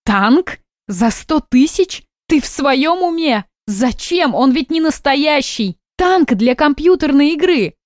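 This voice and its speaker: A woman's voice: mid-range voice, moderate pace, hardly any pauses, no room sound, clean studio sound, natural voice. Woman reading a weary, defiant young wife. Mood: indignant. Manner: weary, then sharp and indignant.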